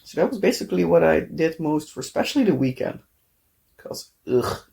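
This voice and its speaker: A woman with a hoarse, sick voice, rambling casually with lots of fillers and coughs as she chats on her crafting vlog. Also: low voice, lively intonation, brisk, dark tone. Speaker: crafting vlogger. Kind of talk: casual chat while crafting.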